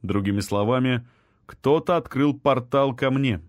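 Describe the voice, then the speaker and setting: A man reading a first-person fantasy story in an even, measured way. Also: mid-range voice, no room sound, clean studio sound. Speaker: audiobook reader.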